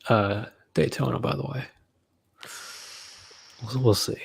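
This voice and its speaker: Guy on a podcast panel explaining stuff casually, medium pitch. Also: slow pace, creaky, slightly rough.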